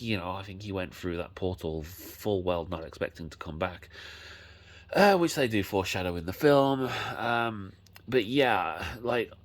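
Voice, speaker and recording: A man, casually showing off his movie collection and rambling, often correcting himself as he talks. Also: sits low.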